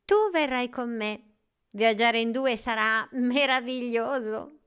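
Woman playing a bright, eager young boy. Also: very high voice, animated, slow, voice pushed up, exaggerated voice.

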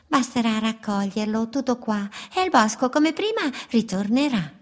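A woman's voice: fairly high pitch, lively intonation, normal speed, voice pushed up, close to an everyday voice. A woman voicing a pair of scruffy, teasing birds who speak in a rhyming, sing-song lilt in a storybook.

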